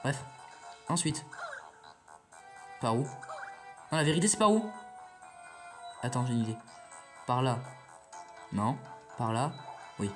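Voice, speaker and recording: A man's voice: medium pitch, big pitch swings, slow, long pauses, music in the background. A man giving casual, rambling commentary on a video game as a let's play host, chatting to his viewers and swearing now and then.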